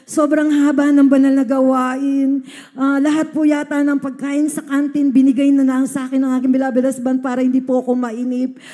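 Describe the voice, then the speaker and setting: A woman's voice: sits high, level tone, normal speed, warm tone, soft background music. A woman from the Philippines giving an earnest testimony to a church congregation, often addressing her listeners as beloved.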